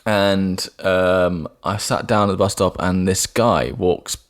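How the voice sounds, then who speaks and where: Brief: low, rambling podcast co-host, chatty anecdote teller. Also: male voice, steady tone, slow pace. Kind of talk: casual chat.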